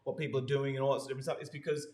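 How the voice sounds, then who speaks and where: A man's voice: mid-range voice, little pitch movement, rapid-fire, darkish tone. Upbeat man in an echoey room. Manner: enthusiastic, full of fillers and restarts. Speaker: co-host. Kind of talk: casual podcast chat on marketing. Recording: roomy echo.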